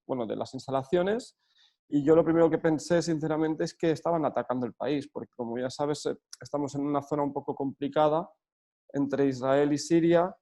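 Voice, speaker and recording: A man from Spain, a football coach answering interview questions earnestly, pausing often with fillers. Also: medium pitch, mellow. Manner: earnest, hesitant with frequent fillers and restarts.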